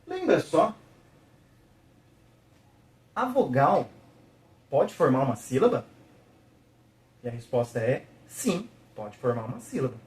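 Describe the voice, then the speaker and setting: A man teaching a video lesson, patiently checking in with the viewer and slowly sounding out each syllable. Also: a little high, big pitch swings, darkish tone.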